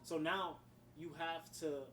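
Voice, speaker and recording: A man's voice: fairly high pitch, steady tone, slow, a bit bright, far from the mic, low-quality recording. A man co-hosts a casual podcast, his slightly raised voice sounding set back from the microphone. He rambles along, leaning on fillers. A faint hiss runs underneath. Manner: rambling, many fillers like "you know" and "whatnot". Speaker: podcast co-host, writer.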